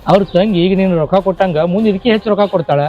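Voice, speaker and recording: A man plays a moralizing village man with a North Karnataka accent and a somewhat high voice. He scolds and lectures, in a slightly dull recording with faint music behind. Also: rapid-fire, lightly acted. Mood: scolding. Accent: North Karnataka Kannada. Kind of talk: short-film acting.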